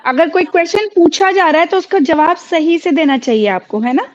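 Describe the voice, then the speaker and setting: A woman's voice: very high-pitched, fairly quick. A woman teacher addressing her class in a stern, firm way, switching between Hindi and English. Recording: dull lo-fi sound.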